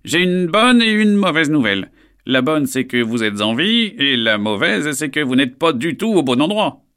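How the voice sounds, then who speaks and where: A man doing a pompous, loud falcon. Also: a little high, sing-song, moderate pace, smooth, voice pushed up. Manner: pompous and indignant. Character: haughty male peregrine falcon.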